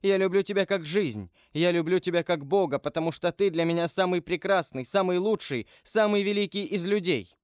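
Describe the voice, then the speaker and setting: A male narrator raises his voice to play a passionate young woman in an audiobook, fervent and devoted. Her lines ring out higher than his own voice and carry smoothly. The sound is close and dry. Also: brisk, few pauses, darkish tone, no room sound, close to an everyday voice. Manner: fervent, emotional. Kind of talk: audiobook character voice.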